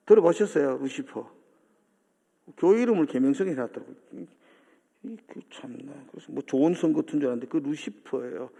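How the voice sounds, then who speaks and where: Pastor preaching, kinda high gravelly voice, keeps going "right?" at the congregation, long church echo. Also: male voice, darkish tone. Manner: questions the congregation often, seeking agreement. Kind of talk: sermon. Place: church sanctuary. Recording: long hall reverb from a church.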